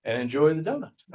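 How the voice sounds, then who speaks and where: A man's voice: a little high, a little mellow, slightly rough, muffled recording. A man chairing a town council meeting in a town hall, talking in an easygoing, folksy way. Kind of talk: casual meeting chair talk.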